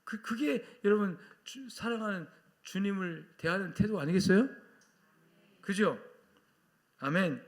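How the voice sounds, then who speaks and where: A man's voice: high-pitched, measured pace, pauses often. A male pastor preaching a Sunday sermon with strong emphasis, acting out quoted voices and asking the congregation to repeat after him.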